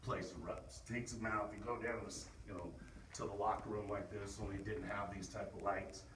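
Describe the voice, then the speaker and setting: Male football coach, lowish voice, delivering a punchy locker-room pep speech, recorded at a distance. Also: little pitch movement, moderate pace. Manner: emphatic, short punchy exhortations. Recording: echoey room, distant mic, faint noise.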